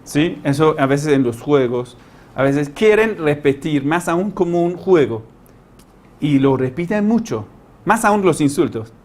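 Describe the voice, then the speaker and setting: A man with a fairly high voice lectures on learning, speaking non-native Spanish with frequent grammar slips. He explains patiently, posing rhetorical questions and homespun examples and dropping humorous asides along the way. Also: lively intonation, measured pace, darkish tone. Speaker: religious teacher giving a language-learning lecture.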